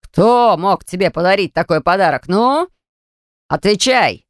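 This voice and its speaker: A woman voicing a harsh, furious middle-aged father in an audiobook, speaking slowly and heavily as he shouts threats. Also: deep voice, sing-song, vocal fry, no room sound, clean studio sound, exaggerated voice. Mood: raging. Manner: slow, heavy, threatening shouting. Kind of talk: audiobook character voice.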